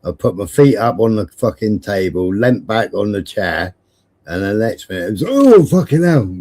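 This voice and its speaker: A man's voice: lowish voice, normal speed, darkish tone. A British man in casual chat, blunt and sweary, with a teasing streak. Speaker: live stream panellist.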